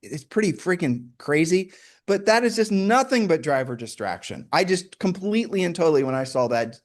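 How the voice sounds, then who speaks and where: A man's voice: high-pitched, very animated, moderate pace. A man hosting a casual car talk show, joking and steering the segments. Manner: jokey, runs the segments. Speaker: podcast host. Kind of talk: casual chat.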